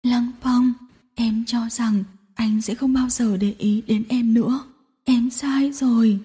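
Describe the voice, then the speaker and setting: A woman's voice: sits high, fairly even intonation, normal speed, mellow, voice pushed up, natural voice. A woman reading a storybook and voicing a tearful, clingy young woman who pleads between sobs. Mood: sobbing, pleading. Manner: sobbing, pleading, breathy.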